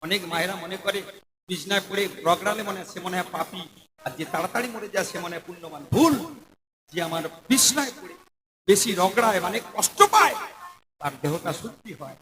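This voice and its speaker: A man performing a devotional kirtan sermon, lively and questioning the audience as he goes. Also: high voice, a little fast, low-quality recording. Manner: lively, addressing the audience directly and asking them questions. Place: live kirtan gathering. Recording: live crowd audible behind.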